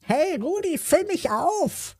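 Storybook cup figure: shrill, squawking, bossy. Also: male voice, very animated, slow, darkish tone, no room sound, studio quality, full character voice. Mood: demanding. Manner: squawking, nagging.

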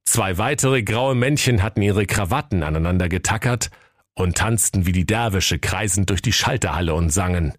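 A man narrating a comic fairy tale for children in a lively, playful storytelling manner, in a studio. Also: low voice, normal speed, dry recording.

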